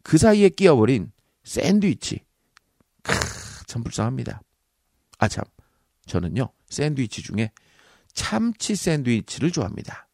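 A man hosts a comic speech-coaching podcast, teasing his listeners as he gives workplace advice. His pitch swings widely as he acts out little scenes. The close mic sounds dry, with no room around him. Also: very animated, normal speed, vocal fry, pauses often, a little mellow, no echo. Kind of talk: comedic advice monologue.

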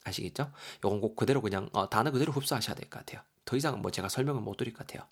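Male language teacher with a husky voice, casual and talkative, walks through words letter by letter. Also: fairly low pitch, racing. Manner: chatty, spells words letter by letter, reads example lines in English. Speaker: English vocabulary teacher. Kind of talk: casual vocabulary lesson.

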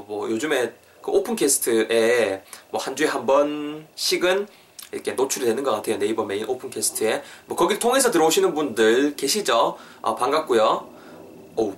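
A man's voice: medium pitch, lively intonation, normal speed, a little hiss or hum. A man hosting a casual podcast lesson. He is chatty, fills his talk with fillers, and repeats and spells out phrases. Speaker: English teacher and podcast host.

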